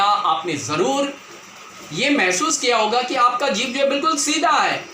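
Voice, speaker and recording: A man's voice: high voice, bright, forceful tone. A man teaching a grammar lesson to viewers, explaining patiently and repeating himself often. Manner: patient, repetitive explaining, addresses viewers as children. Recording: echoey room, faint background noise.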